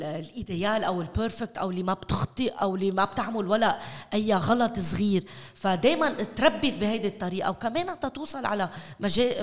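A woman with a Lebanese Arabic accent speaking as a guest in a discussion, emphatic and repeating words for stress. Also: mid-range voice. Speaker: interview guest, local development expert. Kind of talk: animated discussion. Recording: echoey hall with long reverb.

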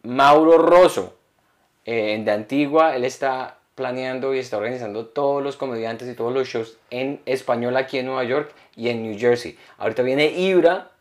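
A young man co-hosting a comedy podcast, telling stories in a lively, rambling way. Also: medium pitch, moderate pace, hardly any pauses. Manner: animated, rambling storyteller. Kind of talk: casual podcast chat.

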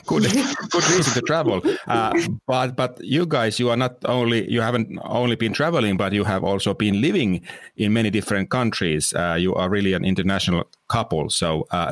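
A male podcast host questions his guests with friendly restarts and repeated words. His voice is fairly low and recorded close and dry. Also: fairly bright tone, no room sound. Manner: friendly, hesitant, stuttering restarts. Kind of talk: interviewing guests.

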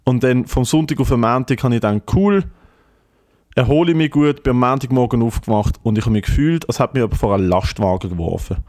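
A man's voice: mid-range voice, fast, a little mellow. Rowdy Swiss German man telling stories. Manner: rambling storyteller, swears a lot, keeps saying "Alter". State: ill and worn out. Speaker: podcast co-host. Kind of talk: casual comedic chat.

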